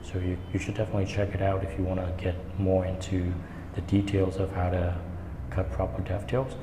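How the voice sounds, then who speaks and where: A man giving a hands-on woodworking tutorial in an echoing stairwell, explaining step by step in a casual, halting way. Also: low-pitched, completely flat delivery. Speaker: woodworking instructor. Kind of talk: hands-on tutorial, talking while working. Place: indoor staircase with strong echo. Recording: echoey stairwell, long reverb, background noise.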